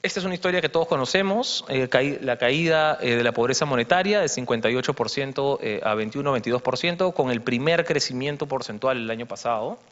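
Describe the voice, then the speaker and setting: A man's voice: mid-range voice, expressive, fast, few pauses, a bit bright. A man giving an explanatory conference presentation on slides, using frequent fillers and tag questions. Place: congress conference hall. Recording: reverberant hall, dull broadcast audio.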